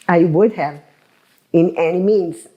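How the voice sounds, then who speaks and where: A woman speaking as the wife of a hostage in an emotional interview, halting, repeating herself and pleading. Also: on the low side, muffled recording.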